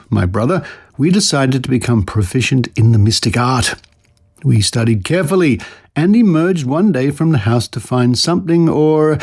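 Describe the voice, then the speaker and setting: A man hosts a podcast where he reads old newspaper articles aloud with theatrical, expressive storytelling and adds short comments of his own. His voice is fairly high-pitched.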